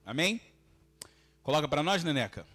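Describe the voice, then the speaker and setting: A man's voice: on the high side, big pitch swings, normal speed, a bit bright. A man with a Brazilian Portuguese accent, a pastor preaching and praying fervently in a preaching cadence. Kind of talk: sermon and fervent prayer.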